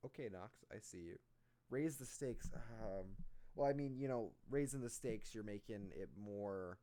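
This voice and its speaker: A man with a fairly low, warm voice and a slightly slow pace hosts a rap reaction. He casually breaks down the lyrics line by line, using plenty of filler words.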